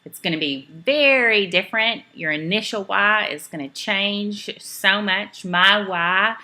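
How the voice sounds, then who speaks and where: A middle-aged direct sales team trainer from Eastern Tennessee, with a Southern accent, gives an upbeat, chatty home video training talk full of "um"s and self-corrections. Her mid-range voice is unhurried, pushed and bright.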